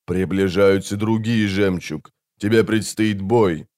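Terse wary mage, lowish voice, curt, read by a male narrator. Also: steady tone, slow, darkish tone. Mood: tense. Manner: curt, short replies.

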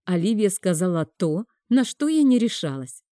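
A woman reading a first-person romance novel aloud, expressive and steady. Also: medium pitch, moderate pace, dry recording, studio quality. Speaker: audiobook narrator.

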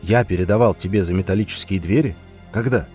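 A stern, gruff polar rescue leader, as a male narrator puts him on, speaking lower and slower than the storyteller's own voice. His tone is curt and exasperated, dark and heavy, with faint music in the background. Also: natural voice.

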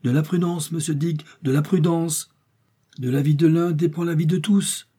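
A man reading the lines of an eager, loyal servant who cries out excitedly, in an audiobook. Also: a little high, moderate pace, slightly rough, pitched above the performer's own voice. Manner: excited exclamations.

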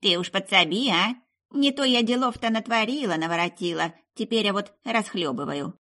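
A woman's voice: medium pitch, animated, normal speed, sharp tone, voice pushed up. A woman reader voicing a fussy, bossy old witch in an audiobook, with a scolding, folksy grumble. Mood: grumbling. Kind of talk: audiobook character voice.

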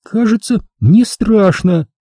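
A man doing a jittery young woman, pitched high. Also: big pitch swings, a little slow, mellow, husky, no echo, studio quality, full character voice. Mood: frightened. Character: nervous young woman, anxious companion.

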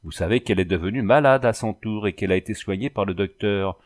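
Insistent young husband, questioning, low voice, read by a man. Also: fast talker, lightly acted. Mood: pressing. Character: earnest young husband pressing his wife.

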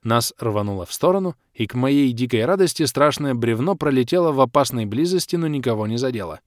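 A man narrating a first-person fantasy audiobook in an expressive, animated way. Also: medium pitch, a little fast, no room sound, clean studio sound.

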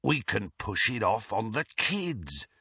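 A man voicing an uncouth, bullying male dark wizard who bellows and shrieks coarsely, in a slightly dull, dry recording. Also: fairly high pitch, very animated, normal speed, husky, dry recording, voice pushed up, full character voice. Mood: sly.

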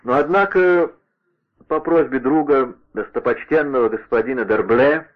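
A man's voice: mid-range voice, moderate pace, voice pushed up, lightly acted. A man voicing a fat, aging male servant who talks in a mournful, deferential way. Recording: narrow radio-like sound.

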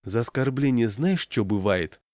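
Man reading a loud blustering bully, pushy and threatening. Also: mid-range voice, lively intonation, normal speed, no room sound, studio quality, lightly acted. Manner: yelling, blustering. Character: brash bullying man, the guest.

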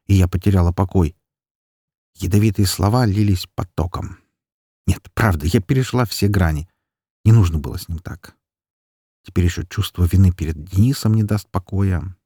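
Low husky man reading a story, close dry mic. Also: dark tone, no echo. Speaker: narrator. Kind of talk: audiobook narration of a first-person story.

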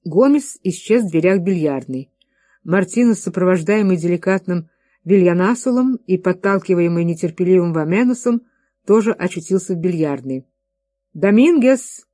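Audiobook narrator, steady even reading, mid pitch, dry close sound. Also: normal speed, no echo.

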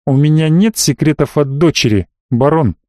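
A haughty middle-aged baron, icy and clipped, who blusters when cornered, as a male narrator plays him. The voice sits a little high for a man and sounds dry and close. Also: normal speed, darkish tone, dry recording, natural voice. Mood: suspicious, icy.

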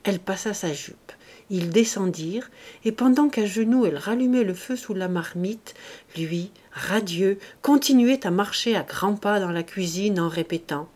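A woman's voice: mid-range voice, normal speed, a little mellow. Woman narrating a classic short story. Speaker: audiobook reader. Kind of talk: literary narration.

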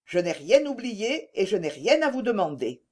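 A woman's voice: medium pitch, very animated, moderate pace, darkish tone. A woman voicing a proud, earnest young peasant shepherdess in a read-aloud story.

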